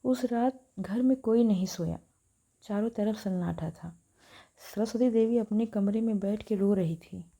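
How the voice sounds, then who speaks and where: Woman narrating a family story, dark tone. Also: mid-range voice, unhurried. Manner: plain, steady narration.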